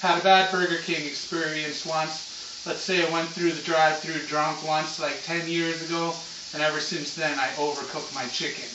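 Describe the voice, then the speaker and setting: A man's voice: a little high, fairly even intonation, moderate pace, background noise. A man giving a casual, unscripted cooking demonstration as host, with a loose, slangy, laid-back stoner-like way of talking, recorded in a home kitchen on a distant camera mic. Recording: muffled, echoey room, far from mic.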